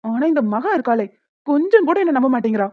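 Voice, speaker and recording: A woman with a high, expressive voice plays a young man in a cartoon, an elder brother ranting in fast, blustery indignation. The dry recording sounds dull and lo-fi.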